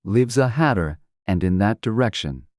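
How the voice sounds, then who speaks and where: Low-voiced sly talking cat, acted by a woman. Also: expressive, normal speed, a little mellow, no echo, studio quality. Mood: unruffled, teasing. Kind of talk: dramatized storybook reading.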